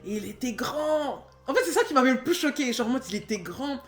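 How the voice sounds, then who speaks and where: A woman in her twenties telling a personal story in a chatty vlog, talking loosely with lots of fillers and animated bursts. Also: high voice, fairly quick, reverberant. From Cameroon. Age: 20s. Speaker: vlogger. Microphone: phone camera.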